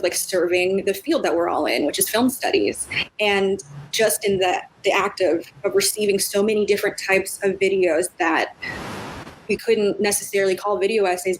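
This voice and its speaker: An earnest woman speaks on a video-call panel, reflective and measured. Her voice sits at an ordinary middle pitch. Faint ambient noise hums underneath. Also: poor audio. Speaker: panelist and playlist co-curator. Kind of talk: live panel discussion.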